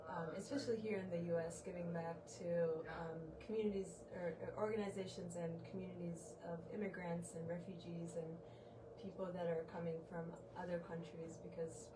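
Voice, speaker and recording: A woman's voice: lowish voice, level tone, fairly quick. A woman in her twenties from Uganda, a medical student volunteer, answering interview questions in a hesitant way with many ums. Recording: distant mic with background noise.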